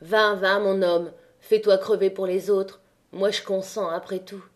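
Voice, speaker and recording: A woman's voice: mid-range voice, flat delivery, unhurried, natural voice. A woman voicing the anxious wife of a poor miner, protesting and then resigned. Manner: desperate, protesting.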